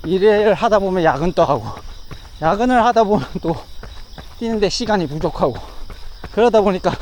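A man's voice: sits high, a little mellow. A man chatting casually on his own while running outdoors, speaking in short, broken phrases. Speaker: amateur runner vlogging. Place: outdoors along a riverside path. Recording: outdoor ambient noise.

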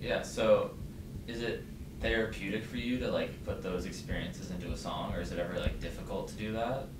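A young man hosting a casual student TV interview, asking questions in a relaxed, drawn-out way. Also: low-pitched. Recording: echoey distant room mic with noise.

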